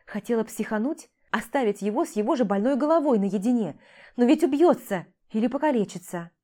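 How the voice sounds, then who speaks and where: A woman's voice: on the high side, lively intonation, fairly quick, dark tone. A woman reading a first-person audiobook in a wry, confiding narration.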